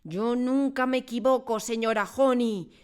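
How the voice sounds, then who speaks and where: A woman playing a towering tyrant headmistress, shouting and scornful, pitched up and loud, audiobook. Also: expressive, normal speed, close to an everyday voice. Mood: furious. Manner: loud, raging, contemptuous. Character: huge brutal bellowing woman headmistress.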